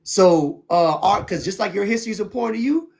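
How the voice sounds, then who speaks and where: A man's voice: high-pitched, animated, a little fast, gravelly. A man from South Florida, hosting a heated debate on a stream and talking in an emphatic, preachy way. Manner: emphatic and preachy, repeats "see what I'm saying". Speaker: show host.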